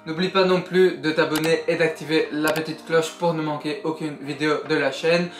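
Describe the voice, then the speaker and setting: A man's voice: a little high, little pitch movement, normal speed, echoey room, soft background music. A young man summarizing a book in a casual vlog, earnest and encouraging as he speaks directly to the viewer. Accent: Belgian French. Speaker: YouTuber.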